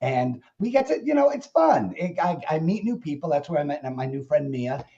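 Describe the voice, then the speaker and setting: A middle-aged man chatting casually on a video call in the salty, gossipy manner of a campy drag queen, with a creaky voice. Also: fairly high pitch, sing-song, normal speed, mellow, dull audio. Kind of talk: casual chat. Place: room at home, indoors.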